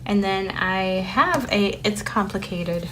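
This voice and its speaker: Her voice sits at a medium pitch and moves slowly, and the recording quality is low. She's a planner vlogger, a native Spanish speaker, rambling casually with plenty of fillers as she decorates, while stickers and paper crinkle steadily in the background.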